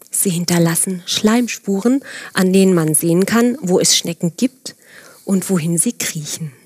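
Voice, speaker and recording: A woman narrating a gentle children's story, speaking calmly and directly to the children and now and then dropping to a soft whisper. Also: mid-range voice, no echo.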